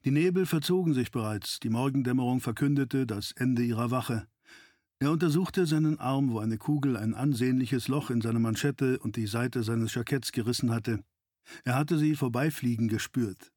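A man narrating an audiobook with steady, even storytelling. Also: mid-range voice, normal speed, dry recording, clean studio sound. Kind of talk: scripted narration.

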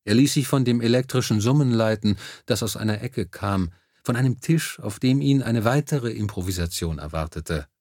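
Low-voiced male audiobook narrator, dry sound. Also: expressive, normal speed, a little mellow, dry recording. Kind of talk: scripted narration.

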